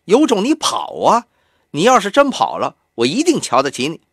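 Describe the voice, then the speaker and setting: A man reading an audiobook, voicing a hot-headed young man who taunts in a raised, sharp voice. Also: high-pitched, wildly swooping pitch, moderate pace, dry recording, studio quality, pitched above the performer's own voice, exaggerated voice. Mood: mocking.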